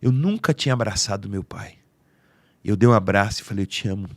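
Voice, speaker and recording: A man's voice: on the low side, lively intonation, fairly quick, no room sound. Brazilian man telling a heartfelt story. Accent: Brazilian Portuguese. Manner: heartfelt, acts out quoted family voices. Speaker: podcast speaker. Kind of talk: emotional personal storytelling.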